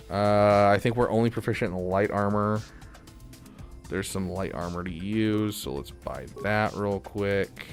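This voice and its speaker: A man streaming a video game, chatting casually and rambling with lots of fillers. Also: on the low side. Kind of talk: casual gaming stream chat.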